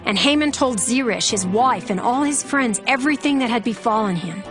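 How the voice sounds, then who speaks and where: A woman's voice: fairly high pitch, lively intonation, normal speed, music in the background. A woman reading scripted narration for a dramatized scripture recording.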